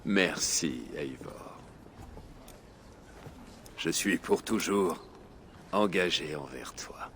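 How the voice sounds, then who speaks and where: A man playing a proud, tender Viking patriarch in a video game, solemn and soft-spoken. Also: low voice, expressive, drawn-out words, long pauses, slight background noise, full character voice. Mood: solemn, grateful. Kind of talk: French video game voice acting. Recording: music and crowd behind voice.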